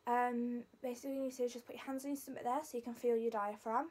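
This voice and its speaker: Young woman with a flat Leicester accent. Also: on the high side, racing, a little hiss or hum. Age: young adult. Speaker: singing student demonstrating vocal warm-ups. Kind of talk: informal explainer to camera.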